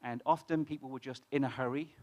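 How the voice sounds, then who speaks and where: A British man, a fintech founder, gives a casual conference talk on stage to a live audience in a conference hall. His medium-pitched, darkish voice is steady and fast, and the recording sounds lo-fi. He speaks conversationally, restarts often, and puts questions to the audience.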